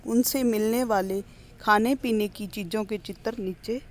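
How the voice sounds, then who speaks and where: A woman teacher, reading a primary school lesson aloud slowly and clearly, pausing between the items of each list. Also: medium pitch, slight background noise. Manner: slow, clear classroom reading with list-like pauses.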